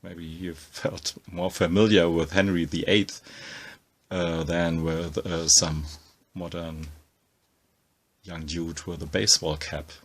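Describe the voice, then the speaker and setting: A man with a low, gravelly voice walks through a book page by page. He talks slowly and stops often with ums and uhs as he gathers his thoughts. His tone is husky and a little rough. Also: level tone. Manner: halting, many ums and uhs, thinking aloud. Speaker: comics book reviewer. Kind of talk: casual spoken book walkthrough.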